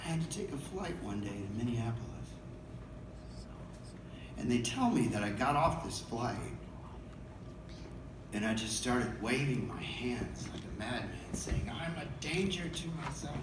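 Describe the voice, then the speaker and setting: A man telling a raw, profane personal story on a concert stage, moving from hushed to shouting. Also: mid-range voice, big pitch swings, measured pace, pauses often, background noise. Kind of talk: spoken storytelling between songs. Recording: echoey live venue from far off, loud crowd.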